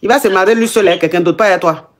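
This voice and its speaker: A woman's voice: mid-range voice, fast. A woman hosting as a relationship coach, giving informal advice emphatically and repeating phrases for effect. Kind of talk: informal advice on a live call-in show.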